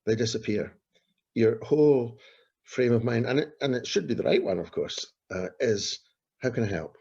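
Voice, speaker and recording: A man's voice: mid-range voice, animated, moderate pace, gravelly, a little mellow, slightly rough. A man, a street pastor telling earnest stories in an interview and repeating his key phrases. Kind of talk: storytelling in an interview. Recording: dull lo-fi recording.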